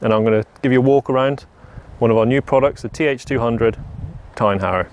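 A man's voice: mid-range voice, brisk. Young guy demoing farm kit outside on a lawn, practical, says very very a lot, clip-on mic. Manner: plain, practical, repeats "very, very". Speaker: product presenter. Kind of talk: product walkaround demo. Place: garden lawn outdoors.

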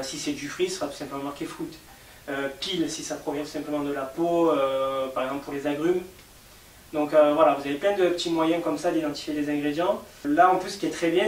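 Patient French man explaining, echoey room. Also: a little high. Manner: patient, explains step by step with many fillers. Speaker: cosmetics maker interviewed. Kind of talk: explanatory interview talk. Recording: echoey room, mic at a distance, faint hiss.

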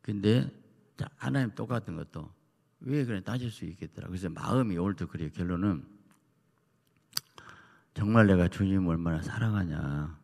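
Middle-aged male pastor, low gravelly voice, loose storytelling sermon style. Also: moderate pace, long pauses, darkish tone. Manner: rambling, personal storytelling with asides. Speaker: senior pastor. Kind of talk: early-morning sermon, conversational.

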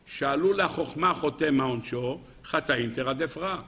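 A male rabbi delivering a sermon to an audience, animated and acting out little dialogues. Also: mid-range voice, slight background noise. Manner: animated preacher, acts out dialogues in shifting voices. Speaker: rabbi giving a Torah lesson.

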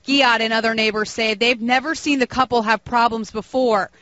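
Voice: medium pitch, steady tone, a little fast, pushed and bright, dry recording, muffled recording. A reporter reading scripted news narration for a television package.

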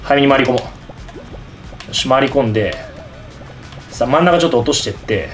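A man hosting excited game commentary, yelling at his teammates and the game. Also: medium pitch, brisk, faint music behind. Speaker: gaming channel host.

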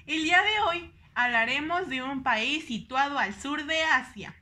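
A woman voicing a cheerful seven-year-old cartoon girl in a children's educational segment, in a high childlike voice. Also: animated, unhurried, bright, forceful tone, full character voice. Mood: chirpy.

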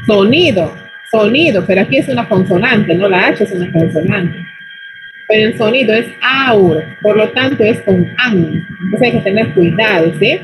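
A woman teaching an online English class in Spanish, modeling English words slowly and checking whether the students follow. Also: mid-range voice, music in the background, low-quality recording.

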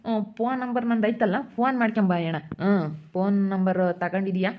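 A woman's voice: mid-range voice, fairly even intonation, fairly quick, phone-quality sound, natural voice. A woman playing a patient village father who explains things plainly and repeats himself, with a rural Hiriyur accent. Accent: Hiriyur rural Kannada.

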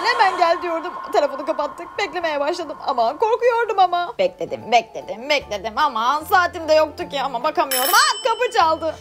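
A woman's voice: high voice, noisy background. A woman narrating a playful toy story as a vlogger.

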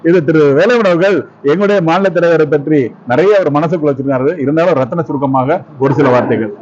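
Fast-talking man hosting a TV event. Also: fairly high pitch, darkish tone. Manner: effusive, rapid introductions. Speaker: TV host. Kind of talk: live event commentary. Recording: dull lo-fi sound.

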